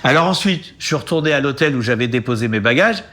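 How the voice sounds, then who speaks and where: A man's voice: mid-range voice, lively intonation, quick pace, bright, forceful tone. A man hosting a travel show, narrating in a casual, chatty way and often laughing.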